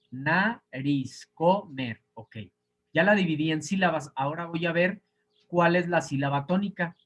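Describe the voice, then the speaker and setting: A male teacher giving an online class lecture, explaining patiently step by step and sounding out example words syllable by syllable. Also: on the high side.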